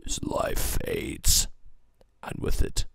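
A man voicing a solemn, lonely old statue, reciting slowly and gravely in a game's narration. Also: a bit bright, no room sound. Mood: melancholy. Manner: slow, grave, reflective recitation. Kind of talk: scripted game narration.

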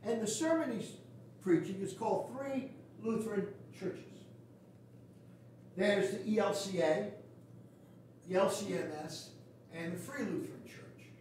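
A man's voice: sits high, measured pace, long pauses, a little mellow, recorded from a distance, a little hiss or hum. Older male pastor preaching in an echoey church. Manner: blunt, folksy and sarcastic. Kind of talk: sermon. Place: small wooden church sanctuary. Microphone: far camera at the back of the pews.

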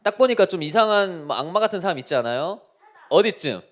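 Delivering a sermon for kids, this pastor keeps firing questions at them with lively energy. He's a man with a high voice who talks fast.

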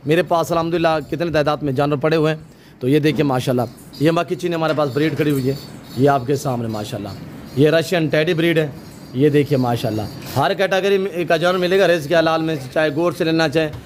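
A man's voice: on the high side, slight background noise. Effusive man vlogging from a goat farm. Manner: effusive, many religious blessings. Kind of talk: promotional farm vlog with interviews. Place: outdoor goat farm pens.

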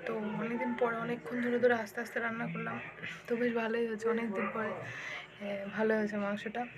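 A young mother, chatting casually in a home vlog, speaking softly so as not to wake her husband, with many fillers. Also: on the high side, little pitch movement, fairly quick, a loud crowd, low-quality recording. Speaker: vlogger and mother. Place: sunny home balcony. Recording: clear background noise.

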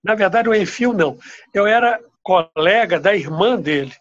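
In casual recollection over a laptop-webcam video call, an older man shares family stories from a room at home, hesitant and trailing off. His voice is high, expressive and fairly bright, moving at a moderate pace, and the audio sounds dull and lo-fi.

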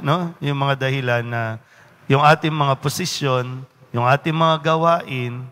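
Priest guy giving a homily, kinda high voice, asks the crowd stuff, church echo. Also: a bit bright. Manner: asks the congregation questions, quotes people aside. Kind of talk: homily at Mass. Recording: church hall reverb.

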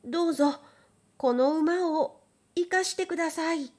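A woman voicing a cheerful, clever young man in a read-aloud folk tale, with an eager, bright manner. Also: very high-pitched, unhurried, pitched above the performer's own voice.

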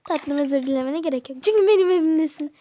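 Woman plays a sweet fussing aunt in a toy-game story, very high voice, calls everyone dear. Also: fast talker, dark tone, slight background noise, lightly acted. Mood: fond. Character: kind caring aunt, middle-aged woman. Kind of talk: toy game role-play voice-over.

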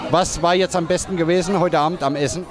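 Male party reporter, casual and joking, higher pitch, busy crowd noise around him. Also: fairly even intonation, fast. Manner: chatty, joking. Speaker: event reporter and interviewer. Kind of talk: casual on-the-spot interviewing. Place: busy New Year's Eve party at a restaurant. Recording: loud party music and crowd. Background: party music and crowd chatter.

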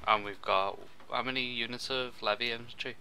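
A young man with a bright, forceful voice plays a co-op strategy game, breaking into quick excited outbursts. His pitch sits in a plain middle range. A faint hiss of noise runs under the recording. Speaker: co-op gameplay commentator. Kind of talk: casual gaming chat.

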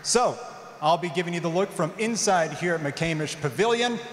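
A man's voice: fairly high pitch, animated, normal speed. A man reporting live from a large arena with a polished reporter delivery on a handheld mic. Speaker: field reporter. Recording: echoey arena.

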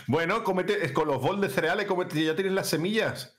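A man's voice: high-pitched, normal speed. A man joking and bossing his co-host around while playing a game. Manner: teasing, game-show bossy. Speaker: gaming co-host. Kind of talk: casual gameplay chat.

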